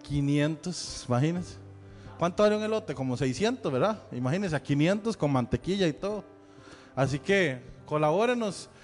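Male pastor, Central American Spanish accent, high voice, chatty announcements, church reverb with soft music behind. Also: animated, normal speed. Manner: chatty, joking with the congregation. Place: church sanctuary. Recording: long hall reverb with faint music.

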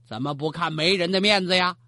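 A man's voice: high-pitched, a little fast, bright, forceful tone, no room sound. A man voicing an old retired emperor who speaks coldly and grumbles in a storytelling performance. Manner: cold, grumbling. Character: old retired male emperor, stern and touchy.

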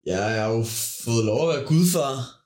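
A man speaking as a podcast guest in casual chat, halting and subdued. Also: mid-range voice, lively intonation, darkish tone, roomy sound.

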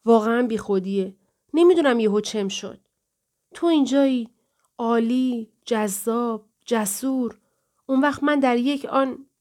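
A woman's voice: fairly high pitch, darkish tone, close to an everyday voice. A woman reading the lines of a nervous young man who apologizes and breaks off mid-sentence in an audiobook. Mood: anxious. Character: anxious young man, unsure of himself.

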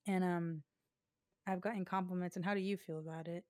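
A woman's voice: fairly low pitch, fairly even intonation, fairly quick, a little mellow, dry recording, studio quality. A young woman co-hosting a podcast in casual chat, talking with lots of "like" fillers and breathing hard from a cough. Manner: chatty, fillers like "like", laughs often. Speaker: podcast co-host. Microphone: podcast mic.

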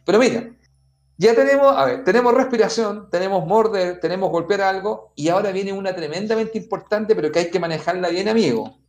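A brisk, somewhat mellow man whose voice sits high explains his advice conversationally on a podcast. Faint music plays in the roomy echo as he addresses the listener directly, repeatedly using "mira" and "amigo."

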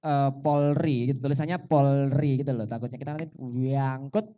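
A man's voice: mid-range voice, steady tone, normal speed, mellow, dull audio. A man with a Javanese accent emceeing a live music night in a coffee shop, teasing his co-host and mixing formal announcements with banter. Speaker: event MC. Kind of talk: joking live event banter.

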